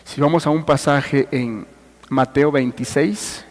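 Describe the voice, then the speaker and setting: A man preaching a sermon as pastor, swinging between hushed and forceful delivery and addressing listeners directly. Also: mid-range voice, steady tone, unhurried, in a large hall. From Mexico. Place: church.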